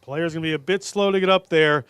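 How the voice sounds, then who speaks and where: A man calling live rugby play-by-play in a brisk, jokey way. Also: on the high side, steady tone, a bit bright, smooth, no room sound. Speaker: play-by-play commentator.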